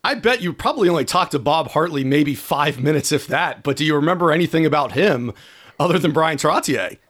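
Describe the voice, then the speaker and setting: Male host, interviewer, fast-talking, lively pitch. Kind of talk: interview questions.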